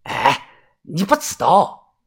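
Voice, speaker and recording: A man voicing a sly eighteen-year-old who talks in a hushed, conspiratorial way in an audiobook story. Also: fairly high pitch, huge pitch swings, slow pace, vocal fry, breathy edge, heavily acted.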